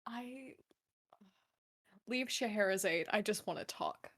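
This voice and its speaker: Animated laughing woman, dry sound. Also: medium pitch, takes it slowly, dry recording. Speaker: tabletop game player. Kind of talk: casual post-session chat.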